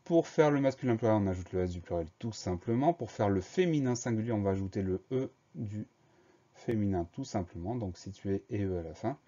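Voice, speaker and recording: A man teaching schoolchildren their spelling, his voice low and mellow. He walks through every word patiently, letter by letter, in a calm, methodical way. The recording sounds dull and lo-fi. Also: brisk.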